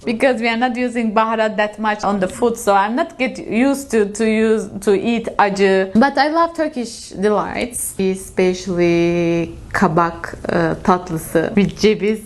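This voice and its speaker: A woman's voice: medium pitch, unhurried, few pauses. A young woman from Azerbaijan with an Azerbaijani accent, telling stories in a casual interview and laughing often. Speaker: interview guest. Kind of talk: casual storytelling chat.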